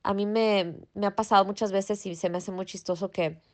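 A woman's voice: mid-range voice, fairly even intonation, moderate pace. Blunt outspoken Mexican woman. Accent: Mexican Spanish. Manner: blunt, outspoken and emphatic, mixing in English. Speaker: interviewee. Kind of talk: casual interview talk.

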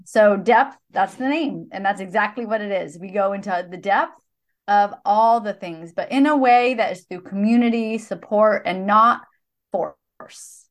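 Woman host, mid-pitch, coaching and encouraging, casual podcast talk. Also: measured pace.

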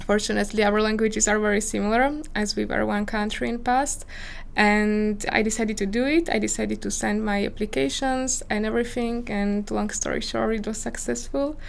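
This visiting scholar guest, a woman in her twenties from Slovakia, has a gravelly, mid-range voice that stays steady at a normal speed. She responds earnestly to interview questions in Slovak-accented English, hunting for the right words as a non-native speaker.

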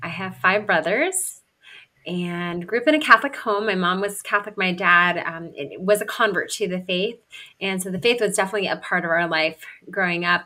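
A woman's voice: lowish voice, sharp tone. A woman from Kentucky, a podcast guest, talking about her ministry in an earnest, heartfelt way. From Kentucky, USA. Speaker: guest, singer and life coach. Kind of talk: podcast interview.

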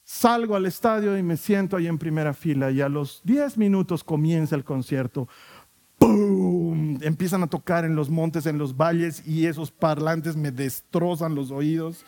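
Male pastor, high pitch, lively storytelling sermon. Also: moderate pace. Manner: animated storyteller acting out quoted voices.

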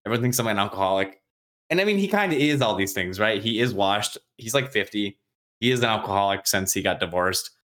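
Low-voiced man recapping a book. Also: lively intonation, a bit bright. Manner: acts out characters' lines in quick casual voices, swears freely. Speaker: podcast host recapping a book. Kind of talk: casual chat.

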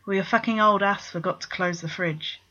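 A woman's voice: medium pitch, moderate pace, sharp tone. A woman voicing a suspicious, foul-mouthed young man who is short with his brother, on a dull lo-fi recording. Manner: blunt, gruff, swearing.

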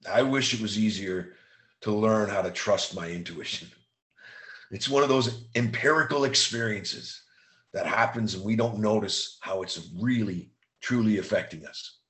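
A man giving an emphatic motivational monologue, repeating key phrases and slowing down to stress them. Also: on the low side, echoey room. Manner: slows down for emphasis. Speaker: motivational speaker.

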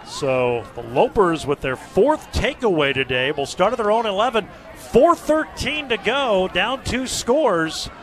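A man's voice: high voice, sing-song, measured pace, few pauses, soft background music. A man calling football play-by-play in live sports commentary. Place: outdoor football stadium broadcast.

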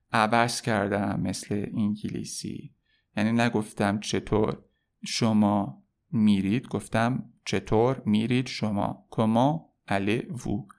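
A young man teaching French phrases on a podcast lesson, explaining casually with many pauses and slowing down to model each phrase. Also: medium pitch, vocal fry.

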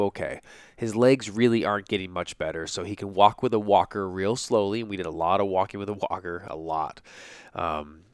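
A podcast host in his thirties, with a stuffy nose and a low, smooth, resonant voice, slowly tells a personal story. He halts and restarts his sentences, using many fillers, and the sound is dry and close to the mic with no room sound.

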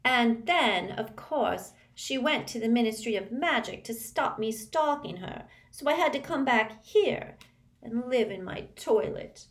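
A woman reading aloud and voicing a sulky, self-pitying teenage girl ghost, whiny and shrill. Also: animated, unhurried. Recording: roomy echo.

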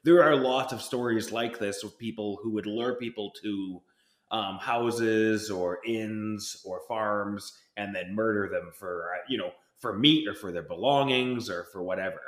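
A man's voice: lowish voice, unhurried, roomy sound. A man chatting animatedly about a film, emphatic and enthusiastic. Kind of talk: casual film discussion.

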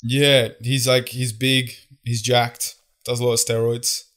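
A man chats casually on a podcast with a loose, slangy, swear-heavy delivery. His voice sits at an ordinary middle pitch. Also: flat delivery, unhurried, a bit bright. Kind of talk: casual chat.

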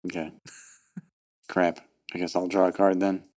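A man's voice: low-pitched, flat delivery, measured pace, darkish tone. A man chatting casually while playing a tabletop game. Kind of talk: casual chat.

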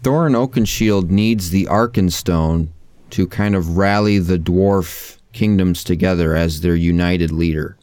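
A man in a casual podcast chat, explaining a comparison in a measured, thoughtful way. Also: low-pitched, darkish tone, clean tone, no echo, studio quality. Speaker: podcast co-host.

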